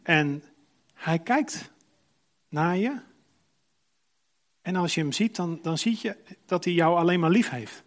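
A man preaching, retelling a story and acting out the people in it, swinging from hushed to emphatic. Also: high-pitched, animated, slow, long pauses. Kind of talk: sermon storytelling.

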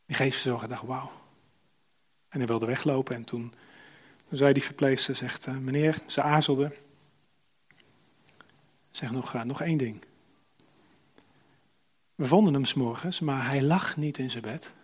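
A man preaching, retelling a story and acting out the people in it, swinging from hushed to emphatic. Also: mid-range voice, steady tone, measured pace, long pauses, breathy edge. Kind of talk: sermon storytelling.

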